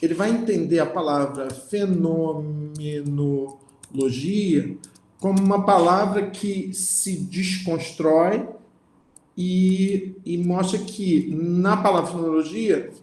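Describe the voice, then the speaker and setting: A man's voice: high voice, measured pace, a little mellow, echoey room. A man lecturing on philosophy, reading passages aloud and then explaining them, often checking in with the listeners. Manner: reads passages aloud, then comments with frequent "né?" and restarts.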